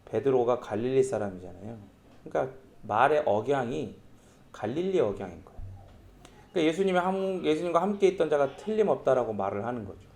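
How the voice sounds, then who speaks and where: A man preaching a sermon as pastor, speaking lively and acting out quoted lines in voices. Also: medium pitch, fairly quick, vocal fry. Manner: lively, acts out quoted speech in character voices.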